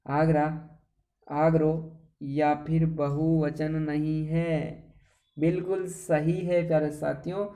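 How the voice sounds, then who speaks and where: A man's voice: a little high, dark tone. A man teaching an exam-prep grammar lesson, chatty and playful, calling viewers friends and brothers and asking them rhetorical questions.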